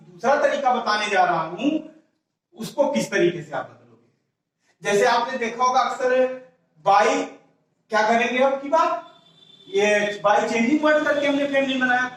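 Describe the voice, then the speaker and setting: A man's voice: very high voice, fairly bright tone. A male teacher explaining English grammar to a class step by step, repeating words and asking rhetorical questions. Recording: echoey room, voice from far off.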